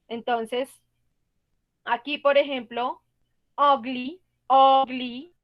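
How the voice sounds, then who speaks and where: A high-voiced woman teaches an online English class. She explains patiently, one step at a time, and stops often to ask her students questions. Her voice comes through a computer mic on a video call with a muffled, lo-fi sound.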